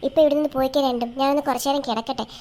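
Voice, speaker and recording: A high, quick, scolding mother, played by a child. She nags her family in long, complaining tirades. The bits are short, like a comic family sketch. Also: steady tone. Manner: sharp, nagging, complaining tirades. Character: irritable middle-aged mother, always scolding. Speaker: comedy sketch actor. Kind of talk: family comedy skit.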